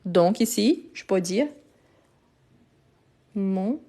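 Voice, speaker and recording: A woman's voice: medium pitch, measured pace, dark tone. A woman giving a live online grammar lesson, explaining patiently and repeating the key words, recorded on a phone. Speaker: French teacher. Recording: phone live stream, slightly lo-fi.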